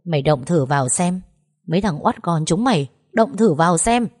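A woman's voice: on the low side, expressive, moderate pace, darkish tone. A woman voicing a strong husband who questions his wife's attacker in a cold, clipped way. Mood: furious.

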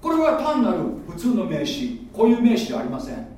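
A man's voice: very high voice, very animated, fairly quick, darkish tone, slight background noise. A man preaching a sermon, explaining like a teacher and asking the audience questions. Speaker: pastor. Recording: echoey room, voice from far off.

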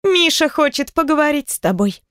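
In an audiobook, a woman voices a lively, bossy, but caring middle-aged stepmother, her scolding high and animated with a pleading mood. She keeps a moderate pace, and the studio recording is clean with no echo.

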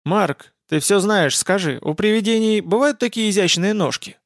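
A man's voice: sits high, normal speed, no echo, clean studio sound, pitched above the performer's own voice. A man reading a story voices a big, boastful warrior who grumbles pompously about his faith and his courage. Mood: bewildered.

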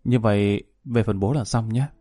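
Male narrator voicing an insistent, coaxing grown daughter in an audio story, mellow and close. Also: lowish voice, fairly even intonation, normal speed, no echo, faint music behind, natural voice.

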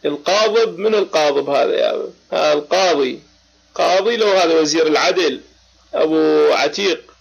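Husky Iraqi man with a cold. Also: fairly high pitch. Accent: Iraqi Arabic, Baghdad. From Iraq. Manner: emphatic, repetitive, with short affirmations. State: has a cold. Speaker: religious debate host. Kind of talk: live online debate chat. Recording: lo-fi online voice chat.

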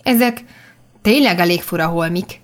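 A woman's voice: fairly low pitch, close to an everyday voice. A woman doing an eager, wide-eyed young boy. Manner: eager, pressing questions. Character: curious, excitable young boy from long ago.

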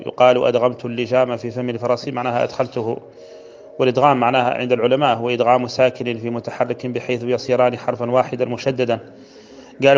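A man teaching the rules of Quran recitation, drawing out verse lines slowly and then explaining them. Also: medium pitch, darkish tone. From Mauritania. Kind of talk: explanatory religious lesson. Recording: dull lo-fi recording.

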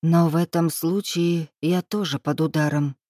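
Stern scheming older club-owner woman, dark-toned, dry; voiced by a woman narrator. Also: sits low, steady tone, measured pace, dry recording. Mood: mocking, stern. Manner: mocking, weary, coolly menacing. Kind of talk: audiobook dialogue reading.

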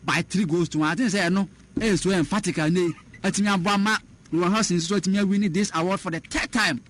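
In a radio sports discussion, a male football pundit speaks in a high, slightly bright voice. He moves back and forth between Twi and English and often uses fillers and restarts his sentences.

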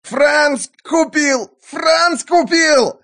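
A man's voice: very high-pitched, drawn-out words, bright, forceful tone, voice pushed up, exaggerated voice. A man reading an audiobook, voicing a lanky captured thug who squeals, stammers and sobs his pleas. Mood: terrified, pleading. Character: lanky terrified male hired thug, captive. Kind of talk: audiobook character voice.

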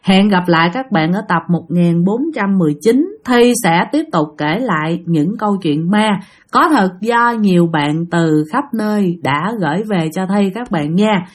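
A woman's voice: mid-range voice, lively intonation, unhurried. Woman, Southern Vietnamese accent, ghost story host, chatty storytelling, slight cough, talks straight to listeners. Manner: chatty, often addresses listeners directly. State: has a cough. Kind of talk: casual spoken storytelling.

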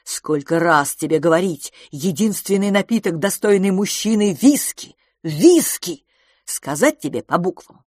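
A woman voicing a brash young man who loudly and mockingly demands a drink, in a lively audiobook reading. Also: moderate pace, no echo, studio quality. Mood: indignant. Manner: booming, bossy and mocking.

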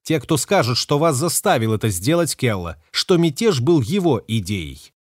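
A man's voice: mid-range voice, sing-song, moderate pace, dry recording, studio quality. A man voicing a fierce, defiant young woman ship captain who talks sharply and curses. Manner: sharp, cursing, hissing. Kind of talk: audiobook character voice.

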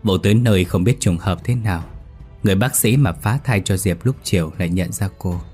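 Husky male horror storyteller. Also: low-pitched, brisk, a little mellow, faint music behind. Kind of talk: scripted narration of a horror story.

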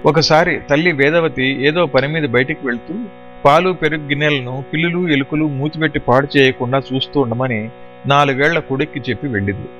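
Guy reading an audiobook, steady and explanatory, kinda dull lo-fi sound, soft music underneath. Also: a little high, fairly quick. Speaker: audiobook narrator. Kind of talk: scripted narration.

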